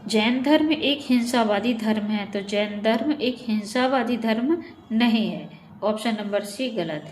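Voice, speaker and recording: A woman's voice: a little high, unhurried, a little hiss or hum. A woman teaching Hindi grammar in a methodical way, reading each sentence and then correcting it. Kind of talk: online exam-prep lesson.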